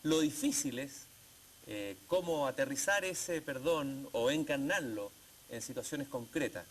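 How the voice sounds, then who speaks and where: A man hosting an interview program, speaking in a measured way and stretching some phrases slowly. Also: mid-range voice, expressive, slight background noise. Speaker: TV program host.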